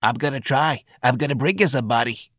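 A man's voice: on the low side, normal speed, fairly bright tone, no room sound, studio quality, lightly acted. A man voicing a sickly, wheezing, meek patrolman in a read-aloud story. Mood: feeble. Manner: feeble, pleading. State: wheezing, sniffling.

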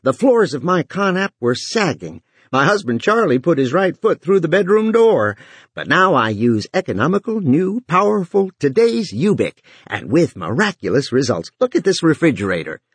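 A man voicing a brassy housewife in a TV ad, bellowing her lines loudly in a raised voice. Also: on the high side, sing-song, normal speed, breathy edge, no room sound, pitched above the performer's own voice, heavily acted. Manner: loud, bellowing.

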